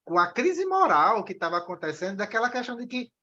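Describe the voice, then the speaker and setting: A man's voice: high voice, sing-song, fast, sharp tone, dull audio. Man moderating a film chat. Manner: hesitant, restarts, many "né?" tags. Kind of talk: post-screening discussion.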